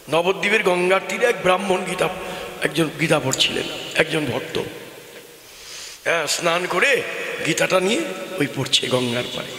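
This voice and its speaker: A man's voice: high-pitched, fairly bright tone. A man giving a devotional kirtan sermon, telling a story with emphatic, sing-song delivery that rises and falls. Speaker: kirtan preacher. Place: open-air gathering with loudspeakers. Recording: echoey hall from a PA system.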